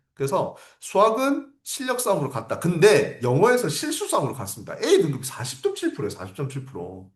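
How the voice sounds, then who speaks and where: A man's voice: on the high side, echoey room. A man teaching parents in a livestream lecture, often asking rhetorical questions and repeating his key points for emphasis. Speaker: academy teacher.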